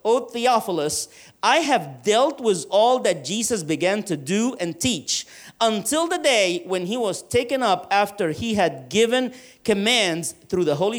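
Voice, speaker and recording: A man's voice: high-pitched, big pitch swings. Man preaching a sermon. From Egypt. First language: Arabic. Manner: earnest, emphatic with slow drawn-out stresses. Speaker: pastor.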